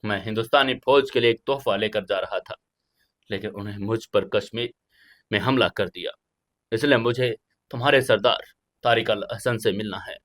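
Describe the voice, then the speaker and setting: A man voicing an undercover soldier who poses as a desperate fleeing militant and shouts panicked pleas in an audio drama. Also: fairly low pitch, normal speed, natural voice. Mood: defiant.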